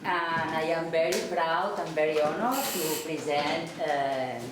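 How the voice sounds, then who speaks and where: Middle-aged woman, hesitant phrasing, low voice, hall reverb and steady noise. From Spain (Barcelona, Catalonia). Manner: hesitant, warm, halting non-native phrasing. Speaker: student introducing a speaker. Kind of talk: public introduction, partly read aloud. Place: lecture hall. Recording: echoey lecture hall with background noise.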